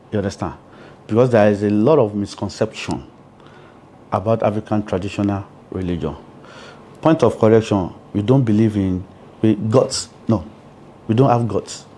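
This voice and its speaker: Dark in tone and lowish in pitch, this Nigerian man with a Yoruba accent is an Ifa priest being interviewed. His delivery is emphatic and explanatory, with frequent checks that he's understood.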